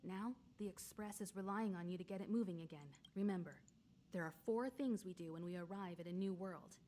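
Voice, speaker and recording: Mature crew leader voiced by a woman, poised, mellow tone, game audio, faint noise. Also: fairly low pitch, brisk, close to an everyday voice. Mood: composed. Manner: poised, motherly advice.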